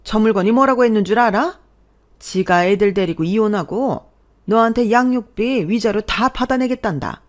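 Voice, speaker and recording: A domineering middle-aged mother-in-law, voiced by a woman, hurls loud accusations in this radio play. Her voice leaps around in pitch and keeps rising to a shrill edge. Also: expressive, normal speed, lightly acted. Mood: furious. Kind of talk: Korean radio drama acting.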